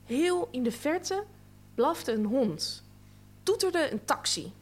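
A woman reading a literary text aloud in a measured, expressive way. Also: fairly high pitch, husky. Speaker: reader.

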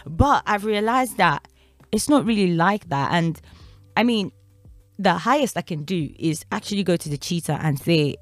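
A woman talking things through in a relaxed podcast chat. Her voice sits a bit low, and the sound is dry and close. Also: moderate pace, no echo, soft background music. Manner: thoughtful, reasoning aloud. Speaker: podcast co-host. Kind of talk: casual chat.

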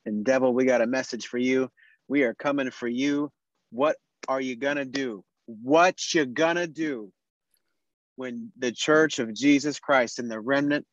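A man hosting a casual faith podcast, excitable and quick to laugh, talking over a video call. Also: mid-range voice, no room sound, highs cut off. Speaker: podcast host.

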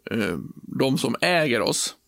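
A man co-hosting a podcast, telling a story in a lively, casual way and swearing freely. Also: medium pitch, vocal fry, no room sound, studio quality. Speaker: podcast co-host. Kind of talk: casual chat.

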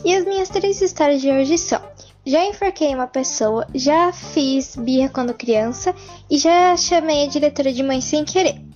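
A woman's voice: high-pitched, moderate pace, a little mellow, dull audio, faint music behind. A woman guest gives a cheerful, friendly introduction of herself on a podcast. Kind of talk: casual self-introduction.

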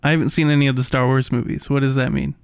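Smooth-voiced bantering male podcast host. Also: mid-range voice, steady tone, dry recording, studio quality. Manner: bantering, laughs often, quick questions.

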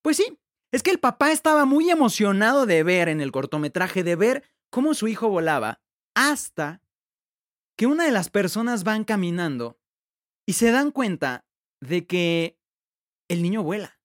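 A man hosts a faith podcast, talking in a conversational way and retelling a story with quick asides and restarts. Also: sits high, very animated, a bit bright. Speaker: podcast host. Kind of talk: reflective faith podcast talk.

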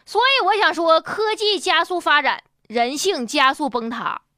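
A woman's voice: very high voice, unhurried, bright, forceful tone, no echo, studio quality. A woman with a Northeastern Mandarin accent doing sassy, mocking comic news commentary in colloquial language, as a show host. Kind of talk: comedic news commentary with punchlines.

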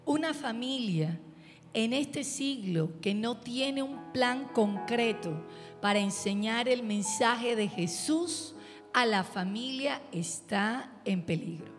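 A woman's voice: a little high, expressive, takes it slowly. Emphatic woman preacher in a reverberant hall. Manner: emphatic, repeats words for stress. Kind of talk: sermon. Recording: music and long church reverb.

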